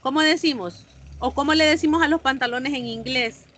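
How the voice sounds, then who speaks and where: A woman's voice: high voice, moderate pace, a bit bright. A woman teacher explains the lesson to her online class and stops to put questions to them.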